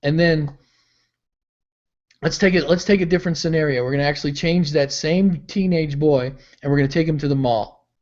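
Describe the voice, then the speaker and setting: Over dull lo-fi call audio, a middle-aged man who mentors and pastors delivers a motivational talk, performing the quoted voices in his stories. His voice sits on the high side, darkish in tone, at normal speed.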